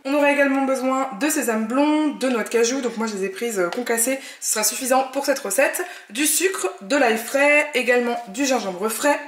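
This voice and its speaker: A woman's voice: high voice, brisk, few pauses. A woman hosting a cooking channel, narrating a recipe in a friendly, explanatory way and giving tips. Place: home kitchen. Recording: roomy echo, faint noise.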